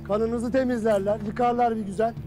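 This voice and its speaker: An actor playing a stern army commander who harshly berates his troops, often shouting. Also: very high-pitched, steady tone, fairly quick, over music. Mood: furious. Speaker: military commander. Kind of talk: dramatic film acting.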